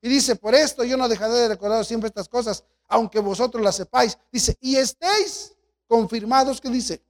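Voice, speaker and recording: A man preaching a sermon as pastor, swinging between loud exhortation and quiet storytelling asides. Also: very high voice, moderate pace.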